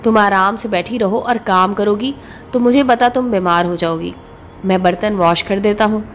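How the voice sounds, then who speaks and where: A woman's voice: mid-range voice, moderate pace, slight background noise, lightly acted. Kashif, a woman reading a young husband. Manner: fond, playful. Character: young husband, teasing and affectionate. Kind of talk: storybook read-aloud.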